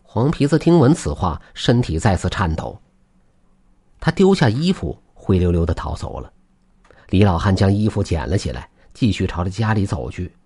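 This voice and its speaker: Husky, animated male storyteller. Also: low voice, moderate pace. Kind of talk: folk tale storytelling.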